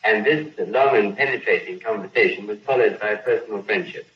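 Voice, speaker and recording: A man with a fairly low voice asks measured, persistent interview questions. He is heard on an old 1950s broadcast recording, with a dull sound and a roomy echo around his voice. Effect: old 1950s archival recording.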